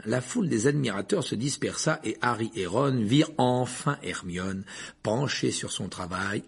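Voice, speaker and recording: A man reading a storybook aloud in an expressive way, shifting into voices for the characters. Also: mid-range voice, creaky, breathy edge. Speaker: audiobook narrator.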